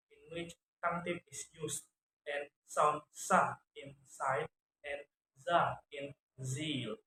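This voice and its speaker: A student reads phonetics notes aloud, stiffly and a word at a time, sounding out each example with care. The pace is very slow and plodding. The voice comes from some way off the mic in a roomy, echoing space with faint background noise. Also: medium pitch, bright, forceful tone, distant mic. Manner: slow, halting reading, word by word; stiff, careful pronunciation drills. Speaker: student presenting a phonetics test. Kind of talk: reading aloud a phonetics explanation.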